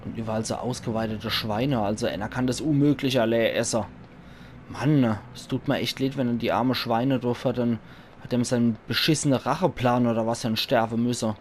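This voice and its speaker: A man's voice: mid-range voice, steady tone, a little fast. A man doing casual, blunt let's play commentary, reacting aloud and swearing as he plays. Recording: faint background noise.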